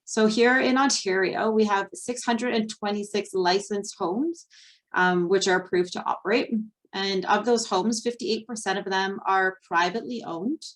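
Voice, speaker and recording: A woman's voice: medium pitch, fairly even intonation, moderate pace. A young adult woman presenting a slide webinar, explaining step by step with frequent ums and fillers. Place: Ontario.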